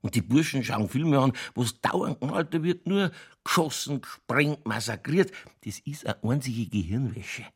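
In a radio crime drama, an actor plays a middle-aged Bavarian police chief who is drunk and ranting, rambling crudely in a Lower Bavarian accent. The male voice is exaggerated and breathy, with lively intonation and an unhurried pace, and the mood is brooding, folksy and tipsy.

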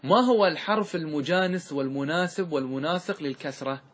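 In a classroom lecture on Arabic grammar, a man keeps questioning his students, repeats key words and stretches out example words slowly. His voice sits on the high side and is slightly rough.

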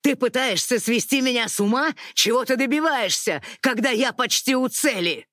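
A narrator playing a ruthless, furious husband who shouts at his wife in harsh outbursts. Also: medium pitch, sing-song, takes it slowly, dry recording, clean studio sound, full character voice. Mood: furious yelling. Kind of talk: audiobook character voice.

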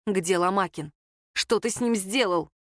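A woman's voice: medium pitch, measured pace, no room sound, studio quality, close to an everyday voice. A woman voicing a frightened but defiant young wife who speaks firmly. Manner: firm, then shouting.

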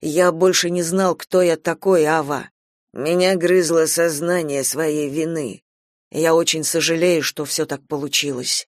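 A woman voicing a grieving, remorseful man who pleads slowly and brokenly with his wife. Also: deep voice, fairly even intonation, dry recording, studio quality.

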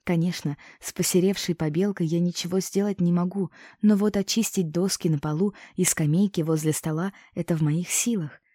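A woman's voice: lowish voice, fairly even intonation, a little fast, hardly any pauses, mellow, no room sound, studio quality. A woman narrating a first-person story as an audiobook, telling it expressively and voicing the characters.

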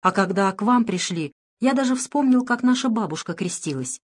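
A woman's voice: medium pitch, animated, moderate pace, natural voice. Storybook brief: an earnest young village boy, simple and grateful, read by a woman.

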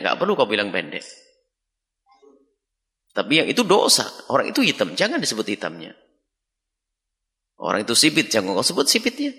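A man preaching a sermon, reading Arabic phrases and explaining them in an animated, admonishing way. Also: mid-range voice. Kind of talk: sermon teaching from a classical text. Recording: radio recording with long reverb.

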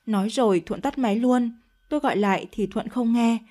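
Woman narrating a dark confession story. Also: a little high, fairly quick. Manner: emotional, confessional. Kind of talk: dramatic first-person story narration.

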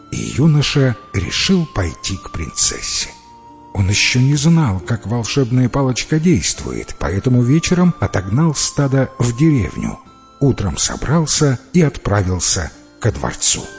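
A man narrating a fairy tale in an expressive storytelling manner. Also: medium pitch. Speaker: reader.

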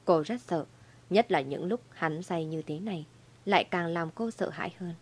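A woman narrating a dramatic audio story in a lively storytelling manner. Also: on the low side, moderate pace, breathy edge.

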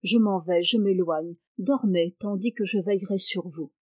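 A woman's voice: fairly low pitch, normal speed, mellow, dry recording, studio quality, close to an everyday voice. A woman reading the lines of a tender, coaxing young husband, an army captain, in an audiobook. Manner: coaxing and affectionate.

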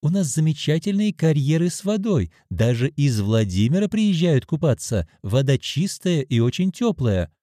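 A man's voice: fairly high pitch, very animated, normal speed, hardly any pauses, warm tone, no room sound, pitched above the performer's own voice. A stern young hotel receptionist, read by a man, prim and matter-of-fact. Her voice sits well above the reader's own and swings up and down as she lists things off. The sound is close and dry.

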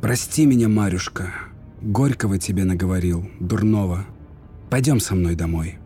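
A man's voice: low voice, moderate pace, warm tone, soft background music, close to an everyday voice. A man doing a brooding sorcerer king. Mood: coaxing. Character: deathless sorcerer king, sorrowful and possessive.

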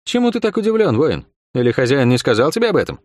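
A man voicing a foreign woman fighter who talks in a cool, sardonic, unhurried way. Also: medium pitch, very animated, a little mellow, no room sound, clean studio sound, voice pushed up, lightly acted. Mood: cold mockery.

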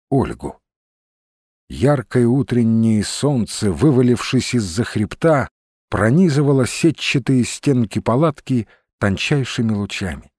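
A man reading a novel aloud in measured audiobook narration. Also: mid-range voice, darkish tone, dry recording, clean studio sound. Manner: measured storytelling. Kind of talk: scripted narration.

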